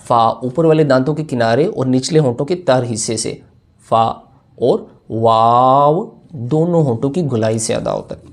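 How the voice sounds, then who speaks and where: A man teaching Quran reading in an online tutorial with a Pakistani Urdu accent. He explains patiently step by step, repeats key points and sounds out letters slowly. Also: mid-range voice, a little mellow.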